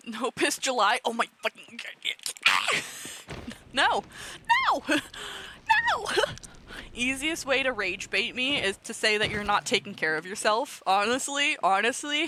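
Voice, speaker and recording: Twenties streamer, casual live chat, swings into mock-outraged rants, bright voice. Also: mid-range voice, a little hiss or hum. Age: 20s. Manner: animated, swears a lot, laughs often. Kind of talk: casual livestream chat while gaming.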